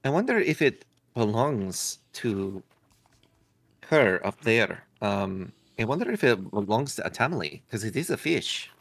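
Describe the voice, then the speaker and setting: A man's voice: fairly low pitch, big pitch swings, a little slow, creaky, fairly bright tone. A man playing a tabletop game, casually narrating what his character does. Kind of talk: casual role-play narration.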